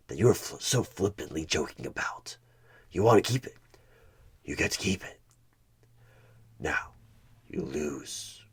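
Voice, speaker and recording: A rumbling low, pushed and bright full character voice carries this roleplay performer's devilish job interviewer, a smug tempter out to buy souls. Gravelly and often near a whisper, he is slow, deliberate, coaxing and condescending throughout the one-sided horror ASMR audio.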